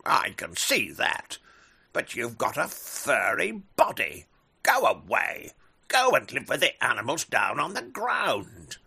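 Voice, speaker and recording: A haughty king of the birds who barks his orders loudly and sends others away, as a man puts him on for a storybook. The voice is bright and a little husky, with lively swings in pitch. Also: unhurried, hardly any pauses, full character voice. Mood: dismissive. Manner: loud, dismissive. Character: proud bossy male eagle, king of birds.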